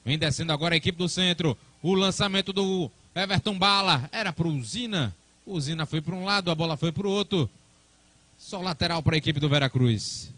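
A man's voice: fairly high pitch, moderate pace, pushed and bright, no room sound. A man calling a football match live in a chatty, colloquial way. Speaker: football play-by-play commentator.

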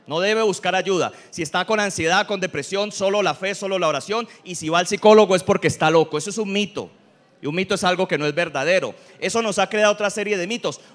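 A middle-aged man preaching a sermon as pastor, humorous and animated, asking the congregation questions. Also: high voice.

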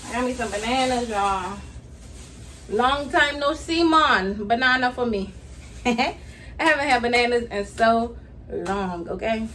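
A bright, slightly high voice at a measured pace belongs to a young mother vlogging her grocery haul. Unpacking bags in her home kitchen, hot and sweaty, she chats with viewers as y'all, heard through a distant counter camera in a noisy room.

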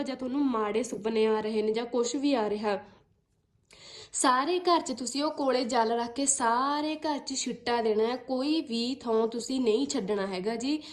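A woman's voice: fairly high pitch, moderate pace. A woman giving earnest devotional advice, repeating phrases and coaxing listeners politely. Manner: earnest, repetitive, coaxing with frequent "ji". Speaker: spiritual speaker.

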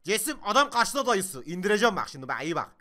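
A man's voice: high voice, big pitch swings, fast talker, sharp tone. A man with a Gaziantep Turkish accent hosting a comic gameplay video, joking and telling rambling tall tales in local dialect. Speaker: gaming comedy host.

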